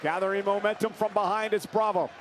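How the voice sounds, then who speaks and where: A man working as a wrestling commentator, calling live moves in exclamatory bursts that move between conversational remarks and shouts. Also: high-pitched, fairly even intonation, fast talker. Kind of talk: excited live wrestling play-by-play and banter. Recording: loud arena noise behind the voice. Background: noisy wrestling event.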